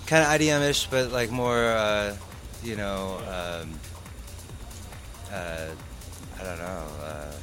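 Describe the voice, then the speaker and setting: A young man from Detroit, in the interview as a guest DJ, speaks slowly in a lowish voice. Casual and laid-back, he hesitates often and fills gaps with fillers while music plays underneath.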